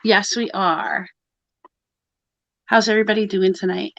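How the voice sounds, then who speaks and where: A woman with a medium-pitched, fairly bright voice speaks a little slowly, with vocal fry and fairly even intonation. Co-hosting a pagan livestream, she rambles casually and laughs frequently during this live video-call chat. The audio is dull and dry, without echo.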